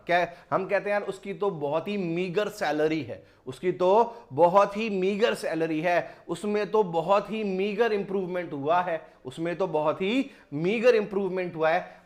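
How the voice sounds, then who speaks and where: A man teaching an exam-prep vocabulary lesson in Hindi mixed with English, drilling each word by asking and answering himself again and again. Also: high voice. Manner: drills words by repeated call and answer.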